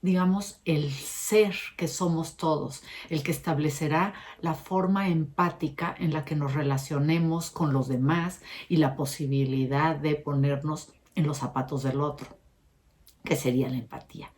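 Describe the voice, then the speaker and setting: A woman giving an expressive educational talk, stressing points by shifting her pitch and pace. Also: measured pace. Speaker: educator presenting a short episode.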